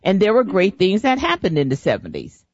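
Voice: mid-range voice, wildly swooping pitch, fairly quick, a little mellow, no room sound. A middle-aged host on a talk broadcast, rambling and searching for words as they speak. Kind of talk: casual radio talk. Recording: dull lo-fi recording.

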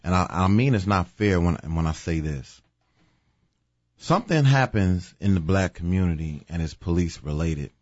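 A man's voice: low-pitched, normal speed, a little mellow, no echo, muffled recording. A man co-hosting a casual talk show, arguing his points emphatically, with sarcastic asides. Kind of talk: casual opinion chat.

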